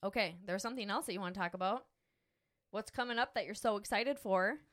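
A woman's voice: medium pitch, quick pace, a bit bright. A woman co-hosting a casual family podcast as a mother, talking in a playful, teasing and encouraging way.

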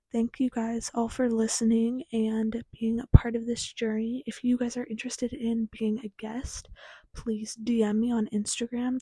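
Teen female podcast host, casual and chatty, slight retainer lisp, highish husky voice with little melodic movement. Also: warm tone, no room sound. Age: teens. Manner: informal, chatty.

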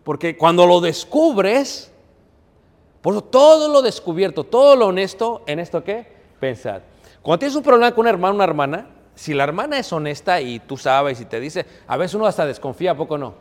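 Preacher in a reverberant hall. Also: male voice, high voice, lively intonation, fairly quick. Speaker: pastor. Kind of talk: sermon.

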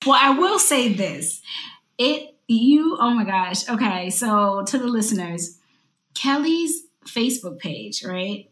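A woman co-hosts a casual chat and tells stories in a playful, expressive way. Her voice sits a bit high and moves widely in pitch. The room adds a clear echo. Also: slow pace.

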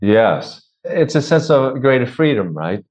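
A man's voice: mid-range voice, very animated, measured pace, darkish tone. A man working as a vocal coach, explaining technique in an interview and demonstrating points with his own voice. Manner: instructive, demonstrates voice techniques aloud. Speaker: vocal and performance coach, guest. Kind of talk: interview conversation. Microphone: cheap microphone. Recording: dull lo-fi microphone.

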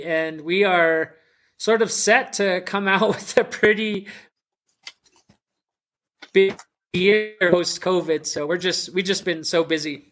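Slow, higher-voiced man, hesitant musician guest. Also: bright, forceful tone. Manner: hesitant, measured, pauses often. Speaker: interview guest, jazz band musician. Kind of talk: casual interview answers.

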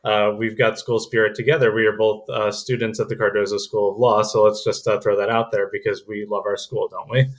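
A young man with an American accent chatting casually as a podcast guest, often pausing on uh. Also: fairly low pitch, level tone. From United States. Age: young adult. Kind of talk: casual chat.

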